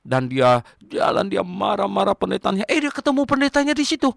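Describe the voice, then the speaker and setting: An older man delivers a Bible teaching sermon with gravelly warmth. He hammers on repeated phrases and drops in small chuckles. The sound is close and dry. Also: sits high, a little fast, no echo. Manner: emphatic, animated, repeats key phrases; chuckles between points. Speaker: pastor.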